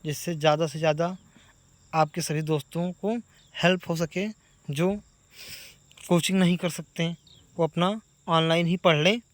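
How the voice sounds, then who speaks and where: A man teaching a grammar lesson for exam preparation, asking questions and answering them himself, stretching sounds out slowly. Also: a little high, steady tone, no room sound. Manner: stretches sounds out slowly when demonstrating vowels.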